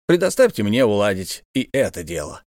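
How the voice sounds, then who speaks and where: A man's voice: fairly low pitch, big pitch swings, fairly quick, darkish tone, dry recording, clean studio sound. A man doing a firm commanding captain. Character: commanding, good-humored male captain-governor. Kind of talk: audiobook character voice.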